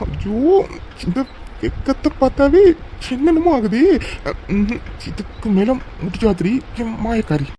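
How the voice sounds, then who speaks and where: A woman's voice: on the high side, big pitch swings, unhurried, warm tone, slight background noise. A woman voicing a young husband in a cartoon romance, teasing and coaxing his wife tenderly. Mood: loving.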